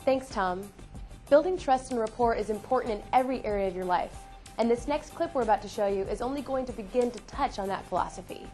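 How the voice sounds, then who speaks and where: A woman co-hosting a show who reads a smooth, scripted introduction of a guest. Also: a little high, fast talker, a little mellow, faint music behind. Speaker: co-host.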